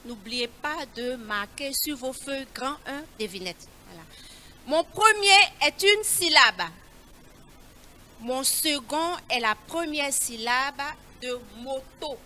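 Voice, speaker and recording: High bright woman leading a kids' Bible quiz. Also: lively intonation, a little hiss or hum. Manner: slow, repeats each clue, coaxing. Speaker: children's Bible quiz leader. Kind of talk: Bible riddle quiz for children.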